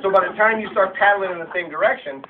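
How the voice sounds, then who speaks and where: High-voiced, fast-talking man coaching from afar. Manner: blunt, emphatic, stumbles over restarts, gets fired up. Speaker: sales leader coaching his team. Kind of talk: motivational Q&A talk. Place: meeting room with an audience. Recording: distant, tinny, faintly hissy camera audio.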